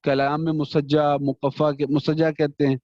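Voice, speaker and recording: A man, a religious teacher, giving a hadith lesson: he recites Arabic slowly, then explains it at length in a measured, explanatory way. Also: on the high side, flat delivery, no room sound, lo-fi sound.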